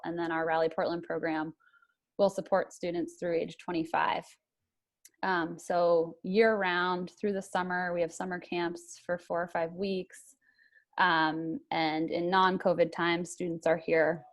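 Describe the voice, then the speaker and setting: Low, level-toned woman, matter-of-fact program overview. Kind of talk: explaining programs at a meeting.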